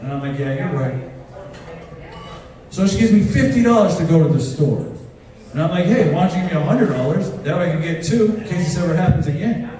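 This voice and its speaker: A man's voice: fairly high pitch, animated, a little fast, mellow. A man doing a crude, self-mocking stand-up set, telling stories and laughing along. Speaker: stand-up comedian. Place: large hall with live audience. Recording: echoey hall, from far off.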